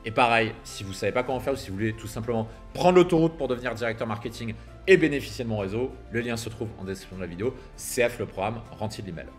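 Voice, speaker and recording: A man's voice: medium pitch, lively intonation, fast talker, soft background music. A man coaching copywriters in a casual monologue to camera, filmed outdoors at sunset. He speaks in a punchy, emphatic way, with slang and the odd swear word. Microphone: camera filming himself.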